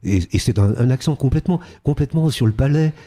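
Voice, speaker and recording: A man's voice: medium pitch, fast talker, dark tone. An older man, an actor being interviewed on radio, talking animatedly and slipping into character voices now and then. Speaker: guest actor.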